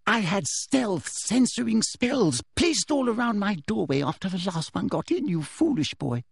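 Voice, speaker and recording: A man's voice: high-pitched, sing-song, normal speed, creaky, slightly rough, no room sound, clean studio sound, pitched above the performer's own voice, full character voice. A man putting on a prim, menacing witch professor. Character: cold, sweetly cruel middle-aged witch professor.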